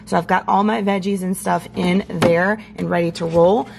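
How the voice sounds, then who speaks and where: A woman's voice: fairly low pitch, steady tone, normal speed. An American woman in her thirties chatting casually and upbeat through a home tour, her scratchy, strained voice giving out from allergies. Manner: upbeat, informal, addresses viewers directly. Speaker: home organization vlogger. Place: home kitchen, indoors. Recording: clear background hum and noise.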